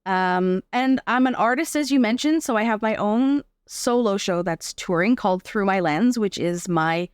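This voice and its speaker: Speaking at a moderate pace with few pauses, this Canadian interview guest, an artist who advocates for arts accessibility, chats about her work and regularly checks in with her listener. Her mid-range voice is clear and resonant, recorded clean in a studio with no room sound.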